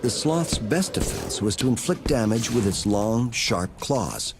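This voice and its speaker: Animated male nature documentary narrator over music. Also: medium pitch, measured pace. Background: music under the voice.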